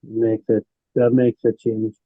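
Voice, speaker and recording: A man's voice: on the low side, completely flat delivery, takes it slowly. A man chatting casually on a video call from his phone, joking easily, his audio muffled and glitching.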